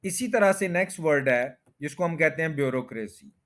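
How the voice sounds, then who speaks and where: A man teaching English word stress in a slow explanatory lesson, repeating each word and stretching its syllables. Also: a little high, lively intonation, fairly bright tone. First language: Urdu or Hindi.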